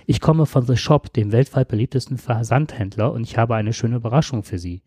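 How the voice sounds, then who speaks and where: A man voicing a cheerful delivery drone that speaks in a bright, salesy way. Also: mid-range voice, a little fast, husky, no room sound, clean studio sound, lightly acted. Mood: cheery.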